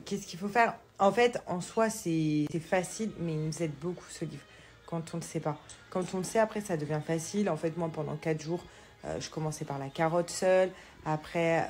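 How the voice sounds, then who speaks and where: A woman, a mother and vlogger, talking candidly to camera in a casual chat and thinking aloud with frequent pauses. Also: lowish voice, darkish tone.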